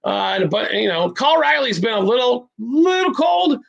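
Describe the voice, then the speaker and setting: Very high-pitched and expressive, with vocal fry, a man from the American Midwest talks through sports betting picks at a moderate pace. His casual show is blunt and rambling, sprinkled with jokes at his own expense.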